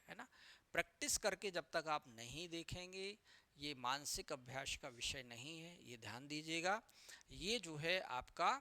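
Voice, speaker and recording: A man giving an explanatory lecture as an interview coach, often tagging his sentences with a questioning "right?" and spelling out abbreviations slowly. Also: on the high side, pushed and bright, dry recording. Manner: repeats "है ना" as a tag.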